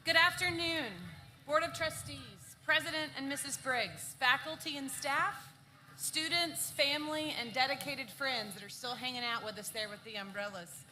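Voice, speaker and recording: A woman's voice: high-pitched, normal speed, bright, forceful tone, a little hiss or hum. A woman speaking as alumni association president, giving an earnest, formal speech to graduates at an outdoor ceremony.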